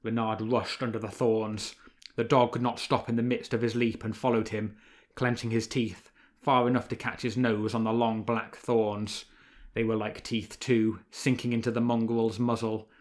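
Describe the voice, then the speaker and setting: A man reading a fable aloud as an audiobook narrator, measured and expressive. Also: fairly low pitch. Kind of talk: scripted storybook narration.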